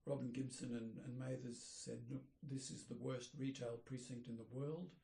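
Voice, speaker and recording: An older man, an architect, reminiscing in an interview, rambling and pausing to search for names. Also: medium pitch, steady tone, creaky, dark tone. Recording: roomy echoey room.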